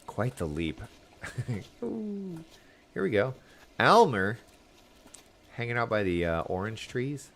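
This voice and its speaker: A man's voice: mid-range voice, big pitch swings, slow, long pauses, a bit bright. A man giving casual live commentary as a game streamer, chatty and wry.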